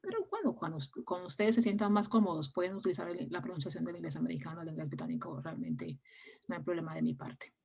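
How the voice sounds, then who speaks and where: A woman's voice: on the low side, big pitch swings, fast talker, creaky, mellow, slight background noise. A woman teaching English pronunciation online, explaining patiently in Spanish with English words mixed in. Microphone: laptop mic on a video call.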